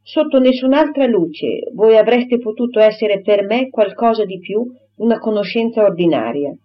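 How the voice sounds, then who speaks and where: A woman voicing a proper young gentlewoman who firmly and formally rejects a suitor, on a dull lo-fi recording. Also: mid-range voice, animated, normal speed, voice pushed up, close to an everyday voice. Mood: indignant firm. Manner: firm, crisp and formal.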